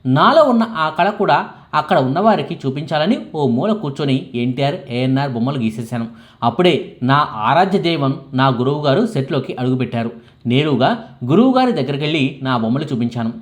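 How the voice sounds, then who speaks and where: A man's voice: a little high, lively intonation, fairly quick. A man narrating a first-person life story as scripted biography narration, acting out the quoted lines dramatically.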